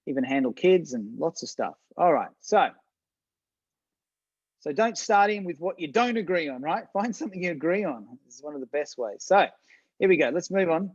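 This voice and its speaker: A slightly high, husky-voiced man with lively intonation and a normal pace leads an online business workshop. He's casual and chatty, restarting sentences, repeating words, and addressing his audience directly. The lo-fi recording has no room sound.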